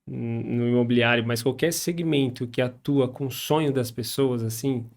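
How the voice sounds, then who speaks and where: Brazilian male host, São Paulo accent, gravelly voice, relaxed reflective delivery. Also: medium pitch, moderate pace. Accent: Brazilian Portuguese, São Paulo area. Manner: relaxed, reflective, thinks aloud with fillers. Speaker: podcast host. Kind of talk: conversational podcast interview.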